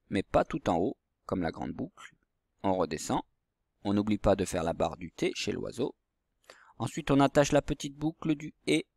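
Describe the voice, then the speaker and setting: A man teaching young children handwriting step by step, in a slow, patient way. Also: mid-range voice, gravelly, dry recording, clean studio sound. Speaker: primary school teacher.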